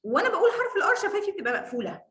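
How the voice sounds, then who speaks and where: Egyptian woman, Egyptian Arabic accent, English teacher, confident, high voice, echoey room. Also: very fast. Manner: confident, lively, laughs often. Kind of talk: casual online lesson.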